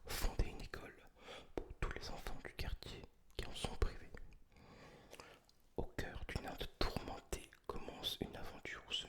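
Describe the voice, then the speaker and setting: Breathy whispered ASMR voice, sex unclear. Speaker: ASMR video host. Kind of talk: whispered ASMR book review, casual chat.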